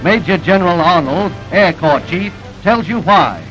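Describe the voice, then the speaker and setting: A man narrating an old newsreel in a brisk, emphatic announcer delivery. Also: high voice, lively intonation, fairly bright tone, faint music behind, poor audio.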